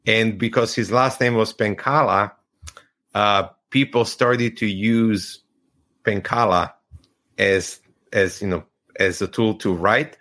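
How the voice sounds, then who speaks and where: A man from Croatia, a tech executive giving measured, explanatory interview answers over a video call and sometimes searching for words. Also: lowish voice, steady tone, fairly bright tone.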